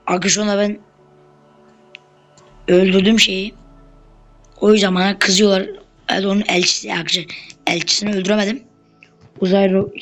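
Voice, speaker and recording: A gameplay YouTuber giving casual commentary, chatting nonstop to the viewers as friends and breaking into excited bursts during fights. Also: medium pitch, poor audio.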